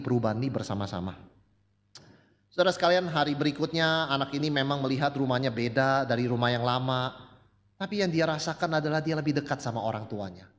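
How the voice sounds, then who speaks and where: A male pastor preaching a sermon, telling stories and shifting between loud, high emphasis and soft, low asides as he addresses the congregation. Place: church sanctuary. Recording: long church reverb.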